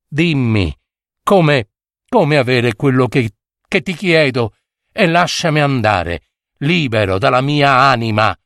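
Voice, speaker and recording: A man voicing a lovesick young fisherman who pleads in an urgent, hurried way. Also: medium pitch, animated, a bit bright, dry recording, clean studio sound. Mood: pleading.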